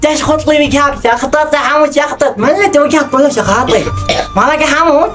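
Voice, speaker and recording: A high, fast-talking Yemeni shopkeeper played by a man nags and scolds a debtor without letting up. The part is performed for a web drama, and loud music runs beneath the dialogue. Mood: scolding. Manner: scolding, insistent. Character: stern older male shopkeeper demanding his debts. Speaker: grocery shopkeeper.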